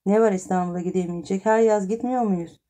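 A woman's voice: medium pitch, fairly even intonation, fairly quick, warm tone, natural voice. A woman voicing a haughty, indulgent wealthy mother who talks dismissively in an audiobook story. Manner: dismissive, reassuring.

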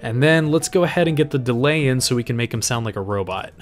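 A young man casually talking through an audio software tutorial on a desk mic at home, rambling with fillers and self-corrections. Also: medium pitch, lively intonation, quick pace, soft background music. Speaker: tutorial host. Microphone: home desk microphone.

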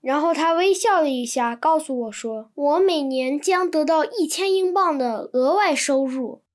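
A woman reading translated textbook sentences in an even, clear manner. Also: sits high, normal speed. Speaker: Chinese translation reader.

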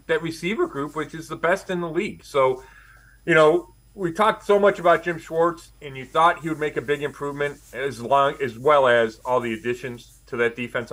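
A man's voice: fairly high pitch, moderate pace, fairly bright tone, poor audio. Middle-aged man giving conversational sports analysis. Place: small room indoors, on a video call. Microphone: video call.

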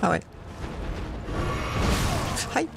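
A man giving casual live commentary while playing a game, chatting with viewers and swearing when frustrated. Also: drawn-out words. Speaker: streamer. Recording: game music playing behind.

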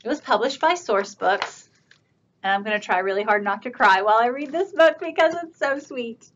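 A woman children's librarian reading picture books aloud for storytime, with a warm, expressive storytime delivery. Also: a little high, normal speed, dull audio, a little hiss or hum.

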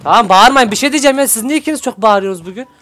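A man hosting a Minecraft role-play, excitable, scolding and shouting at his characters between laughs. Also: very high voice, rapid-fire, very noisy. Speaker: YouTube gaming host.

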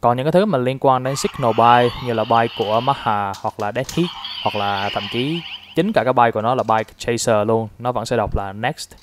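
A man's voice: mid-range voice, normal speed. Guy walking through a toy review, lots of "uh"s, kinda informal, slight hiss and clicks. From Vietnam. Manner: chatty, explains step by step with many fillers. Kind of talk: casual product review.

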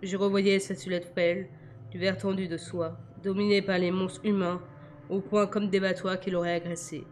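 A woman reading a novel aloud in a measured, quiet first-person narration. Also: medium pitch, level tone, slight background noise. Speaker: audiobook reader.

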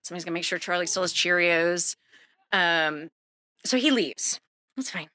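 Bright-voiced woman telling a funny story. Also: moderate pace, no room sound. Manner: lively, laughing, acts out quoted people with big pitch jumps. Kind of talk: live personal storytelling on stage. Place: live stage event.

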